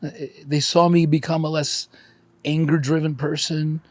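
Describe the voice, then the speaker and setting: A man's voice: on the high side, level tone, moderate pace, darkish tone, dry recording. A man in his forties, a podcast guest, talking candidly and emotionally with lots of swearing, close to tears. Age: 40s. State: teary.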